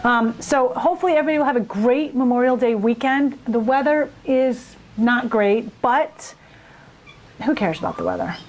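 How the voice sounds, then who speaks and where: A woman's voice: on the high side, normal speed, poor audio. A woman working as a town administrator, giving a casual, plain-spoken community update in an interview.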